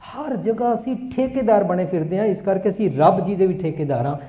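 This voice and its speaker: A man's voice: sits high, a little fast, mellow, roomy sound, highs cut off. A man giving a Sikh sermon, preaching and reciting scripture, mixing in Hindi and English phrases. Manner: preaching, switching between Punjabi, Hindi and English. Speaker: Sikh religious speaker.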